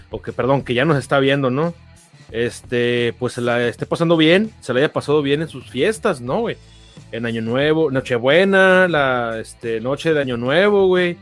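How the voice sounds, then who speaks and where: A man with a Mexican accent co-hosting a podcast, chatting casually in rambling, heavy slang. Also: medium pitch. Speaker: podcast co-host. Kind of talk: casual chat.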